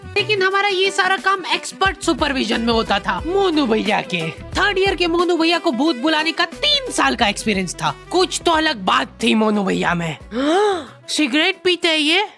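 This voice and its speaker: A woman's voice: high-pitched, sing-song, normal speed, creaky, hardly any pauses, music in the background. A woman narrating a comedy sketch with wry, mocking commentary.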